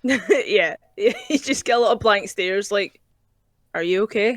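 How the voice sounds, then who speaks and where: A Scottish woman talking in a loose, chatty way as a podcast guest, dropping the odd swear word. Her voice sits at a middling pitch and is picked up close and dry, with no room sound. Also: a little slow, no echo. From Scotland. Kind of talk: casual chat.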